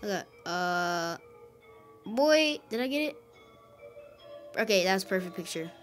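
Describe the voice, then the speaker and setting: A woman giving casual commentary over her gameplay. She gets excited quickly and grumbles at her teammates. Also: mid-range voice, soft background music. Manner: excitable, quickly frustrated, calls teammates idiots. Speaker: gaming video host.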